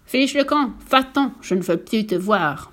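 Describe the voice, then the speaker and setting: A woman voicing a pompous, grumpy circus ringmaster who makes slow, showy announcements in a storybook reading. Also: a little high, expressive. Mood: angry.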